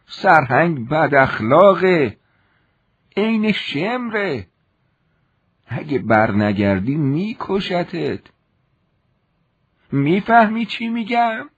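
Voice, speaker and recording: A man voicing an elderly woman servant who pleads slowly and in a motherly way. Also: fairly high pitch, sing-song, slightly rough, highs cut off, voice pushed up, heavily acted. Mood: pleading. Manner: slow, drawn-out pleading.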